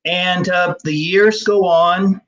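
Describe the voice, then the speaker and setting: Male historian guest, slightly high voice, measured and explanatory, lots of "uh". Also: steady tone, fairly bright tone, highs cut off. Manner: measured, explanatory, with frequent fillers. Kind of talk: explaining history over slides in an interview.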